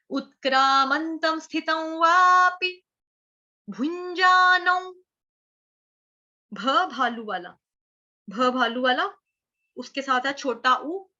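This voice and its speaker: A high, bright female voice teaches verse pronunciation at an unhurried pace, breaking words into syllables and repeating each one patiently. Now and then she chants a whole line slowly. The audio is dull and lo-fi, like an online class recording. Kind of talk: slow step-by-step pronunciation lesson.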